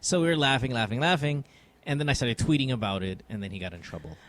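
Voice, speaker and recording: A man's voice: medium pitch, fast talker, crowd noise. A man from the Philippines hosting a radio show with casual banter and a blunt way of talking. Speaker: radio host.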